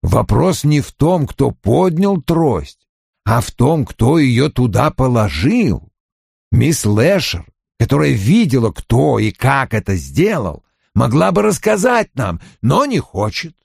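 A man voicing a haughty, deliberate older male detective, reading an audiobook in a measured, lecturing manner. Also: medium pitch, very animated, gravelly, a little mellow, slightly rough, no room sound, studio quality, exaggerated voice.

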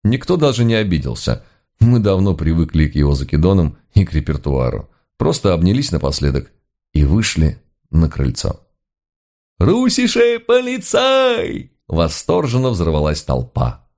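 A man's voice: very deep voice, lively intonation, moderate pace, warm tone. A man narrating a comic novel in a dry, ironic storytelling manner. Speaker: audiobook narrator.

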